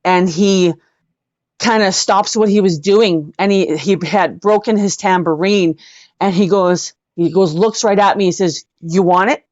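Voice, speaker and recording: In an unhurried, mid-range voice with a darkish tone, a female rock singer tells casual stories during an interview. She is effusive and emphatic, often saying things twice for stress, and the lo-fi recording sounds dull and echoey.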